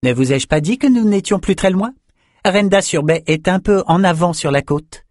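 An eager young woman scholar from a storybook, proud and quick to announce what she knows, as a male narrator pitches his voice up high to play her. Her lines ring out bright and excited, well above the storyteller's usual register, in a close, dry recording. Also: no echo.

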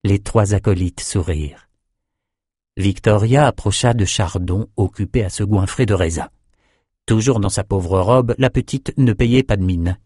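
Guy reading a fantasy audiobook, measured and steady, dry close sound. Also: on the low side, no echo. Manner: measured storytelling, acts out characters. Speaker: audiobook narrator. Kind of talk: scripted narration.

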